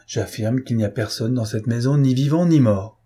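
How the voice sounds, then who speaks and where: A man reading the part of a blunt, indignant deputy police chief in an audiobook, with a husky voice. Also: mid-range voice, normal speed, warm tone, natural voice.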